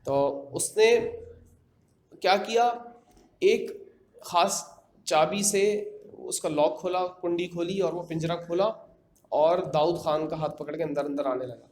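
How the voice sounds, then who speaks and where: A man casually retelling a horror story in his own words, conversational, with fillers and repeated phrases. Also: fairly high pitch. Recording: echoey room with faint background noise.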